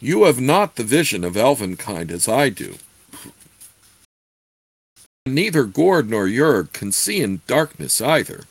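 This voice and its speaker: A man's voice: medium pitch, sing-song, slow, pauses often, husky, no room sound, pitched above the performer's own voice, heavily acted. A man reading the lines of a solemn elven male druid from a storybook, in formal, archaic phrasing. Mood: calm.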